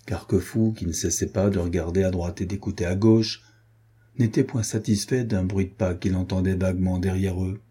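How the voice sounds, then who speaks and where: Male audiobook narrator, very dark and husky tone, even measured reading. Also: low-pitched. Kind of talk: scripted narration.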